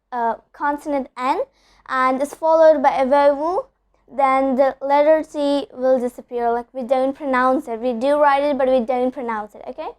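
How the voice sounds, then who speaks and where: A woman's voice: high-pitched, darkish tone. A young woman teaching English pronunciation in an online lesson, patiently repeating example words and checking in with "okay?".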